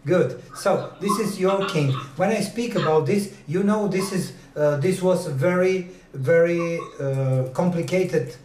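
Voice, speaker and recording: Slow, deliberate male lecturer in a roomy classroom. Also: on the high side, a little mellow, recorded from a distance, a little hiss or hum. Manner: slow and deliberate, with many pauses and fillers. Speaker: university lecturer. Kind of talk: classroom lecture on public speaking. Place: university classroom.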